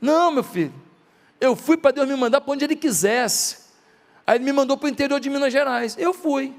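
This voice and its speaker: A Brazilian male pastor with a very high-pitched voice preaches a sermon at a moderate pace in a large hall. He poses rhetorical questions to the congregation and acts out quoted dialogue in softer voices.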